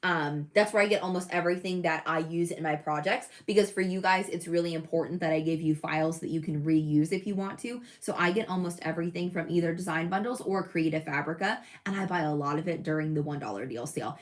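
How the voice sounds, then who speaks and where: A woman's voice: on the low side, fairly bright tone. A woman hosting a casual crafting livestream, chatting and reading viewer comments, often correcting herself with a laugh. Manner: chatty, self-correcting, laughs at own slips. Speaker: crafting channel host.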